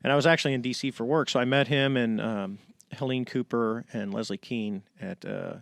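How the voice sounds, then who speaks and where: A middle-aged American man tells his story in a relaxed interview, slipping into the voices of the people he quotes. His voice sits at an ordinary pitch for a man. The recording is close and dry, with no room sound. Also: brisk, creaky, no echo. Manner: animated storyteller, acts out quoted dialogue. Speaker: interview guest, retired navy fighter pilot.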